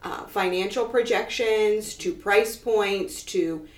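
A woman co-hosting a podcast, speaking in a calm, even tone while explaining programs. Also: mid-range voice, slow pace. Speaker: podcast co-host and program facilitator. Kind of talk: casual banter and explaining programs. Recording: echoey room.

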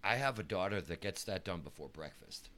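A man's voice: low voice, expressive, brisk, pushed and bright. A man, a parent, co-hosting a casual podcast and reading out jokes and sayings. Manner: reads out mom jokes and quotes. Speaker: podcast co-host. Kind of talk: casual podcast joke-telling.

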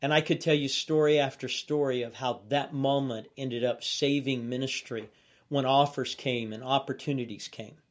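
A male pastor giving a motivational leadership sermon in a deliberate, measured way with pauses. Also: mid-range voice, steady tone.

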